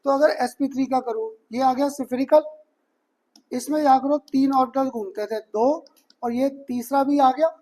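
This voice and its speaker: A man's voice: very high voice, moderate pace, warm tone. A male chemistry teacher giving a chatty classroom lecture, mixing English terms into his speech and often checking whether students have understood. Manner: chatty, keeps asking students if it is clear; mixes English technical terms into Hindi.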